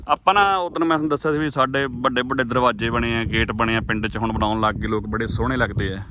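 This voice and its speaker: A young man with a Punjabi accent, chatting casually to viewers as he walks through his village fields, recorded outdoors in the wind on a handheld phone. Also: mid-range voice. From Punjab, India. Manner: chatty, addresses viewers as friends. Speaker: village vlogger. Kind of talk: casual vlog narration while walking.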